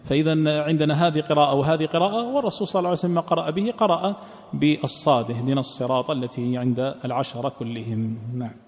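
A man teaching a text line by line, repeating phrases and trailing off into a low murmur at the ends of sentences. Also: rapid-fire, a little mellow. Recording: long hall reverb.

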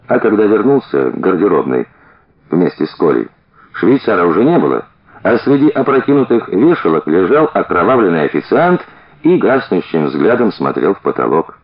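A man reading a crime story aloud as an audiobook narrator, in a dramatic, lively manner. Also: low voice, moderate pace, breathy edge, lo-fi sound.

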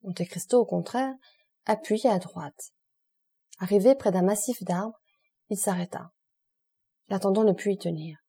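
A woman narrating a classic novel as an audiobook, measured and expressive. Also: medium pitch, breathy edge.

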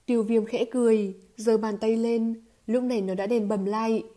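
A woman giving scripted audiobook narration of a novel in an even, steady storytelling manner. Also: fairly high pitch, moderate pace.

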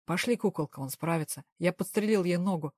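A woman reading an audiobook, voicing a tough, gruff gangster man who gives low, firm, clipped orders. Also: a little fast, darkish tone, no room sound, studio quality, lightly acted.

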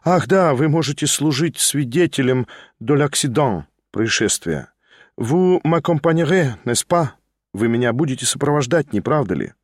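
A man voicing an emotional, wavering older gentleman with gray hair, who speaks in hushed, faltering phrases in a storybook reading. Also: mid-range voice, animated, moderate pace, no room sound, clean studio sound, close to an everyday voice.

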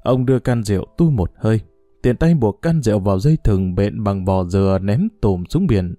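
A man narrating a story in an expressive reading voice with faint background music. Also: fairly low pitch, brisk, no echo, studio quality. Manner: expressive reading with lively intonation.

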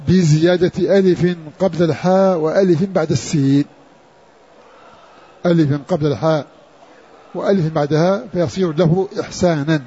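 A man gives a slow, measured lesson on the spelling of the Quran. He repeats each key word to drive it home, and his voice is fairly high but soft and husky. The recording sounds dull and lo-fi. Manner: measured, repeats words for emphasis. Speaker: Quran orthography teacher.

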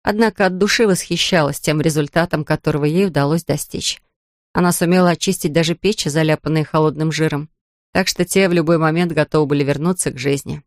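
Calm audiobook narrator, dry close sound. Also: medium pitch, quick pace, dry recording. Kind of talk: scripted narration.

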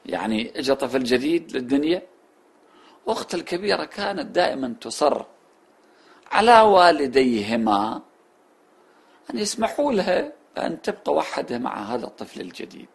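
A man giving a religious talk, telling a moral story in a storytelling manner that rises sharply and then falls to soft, quiet endings. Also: a little high, very animated, normal speed, pauses often. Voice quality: husky. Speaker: religious speaker.

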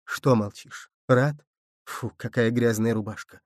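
A self-assured young mother speaks in a firm, quietly commanding tone, voiced by a man. The delivery is dry and close to the mic, in the reader's own middle register. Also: medium pitch, steady tone, a little slow, no echo, natural voice. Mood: bossy.

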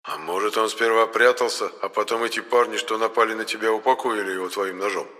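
A man voicing a calm, sardonic male skeleton ghost in an audiobook, speaking quietly and drily. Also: on the low side, quick pace, in a large hall.

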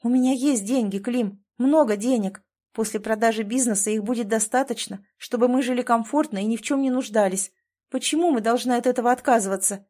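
Reading an audiobook, a woman voices a strong-willed female character who argues insistently with a steely edge. Her voice is a little high, brisk, mellow and lightly acted, and the delivery is insistent, pleading and emphatic.

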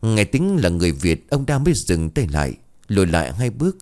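A man narrating a ghost story in a lively, dramatic way. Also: on the low side, a little fast.

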